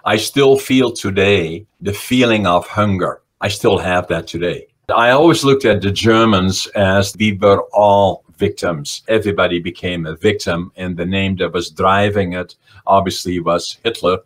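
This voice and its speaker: A man in his eighties, born in the Netherlands, recalling his childhood in a halting way with many fillers, speaking over a video call from a small home office. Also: low voice. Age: 80s. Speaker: interview guest, Holocaust-era survivor. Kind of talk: remote interview recollection. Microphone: video call webcam.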